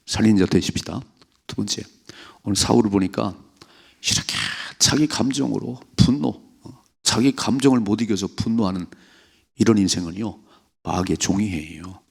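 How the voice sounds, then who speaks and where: A man's voice: fairly low pitch, moderate pace, vocal fry, slightly rough. A man pastor giving an early-morning sermon in a church, preaching emphatically and asking the congregation many rhetorical questions. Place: church sanctuary.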